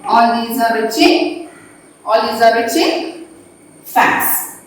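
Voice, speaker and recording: A woman's voice: fairly high pitch, takes it slowly, slight background noise. A woman teaching a class at a board, repeating her points and quizzing the students. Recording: echoey room voice from far off.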